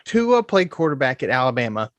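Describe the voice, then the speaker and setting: A man's voice: medium pitch, big pitch swings, a little fast, highs cut off. A man co-hosting a college football podcast, chatting casually and often repeating his first words. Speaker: podcast co-host. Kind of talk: casual sports podcast chat.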